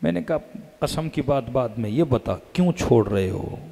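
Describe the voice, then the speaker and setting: A man's voice: mid-range voice, animated, normal speed, gravelly, warm tone, long reverb tail. A man, a cleric, preaching a religious sermon that he drives with rhetorical questions he answers himself in repeated chants.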